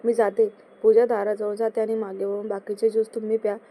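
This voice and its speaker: A woman's voice: mid-range voice, flat delivery, brisk, dark tone, lightly acted. A woman reading the lines of a shy, bashful young wife in a storybook romance. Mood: cheerful.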